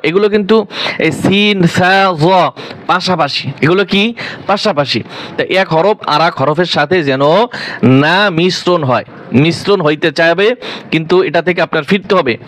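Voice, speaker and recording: A man teaching Quran reading, spelling out each syllable and reciting in a drawn-out chant. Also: on the high side, a bit bright.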